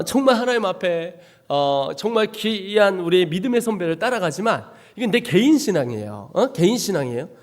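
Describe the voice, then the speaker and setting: A man preaching a dramatic testimony sermon as a missionary, swinging from hushed to shouting. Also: high-pitched, long reverb tail. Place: church sanctuary.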